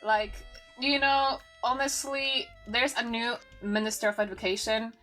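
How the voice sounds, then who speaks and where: A woman of twenty-one from Poland, a native Polish speaker with a Polish accent, talking as a podcast guest in a halting way, restarting phrases and searching for words. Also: on the high side, steady tone, pushed and bright, soft background music. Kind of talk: casual podcast chat.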